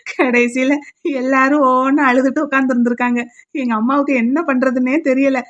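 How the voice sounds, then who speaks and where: A woman's voice: sits high, level tone, a little fast, fairly bright tone. Woman talking on a dull lo-fi track. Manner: plain storytelling. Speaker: mother recounting events. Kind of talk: cartoon dialogue.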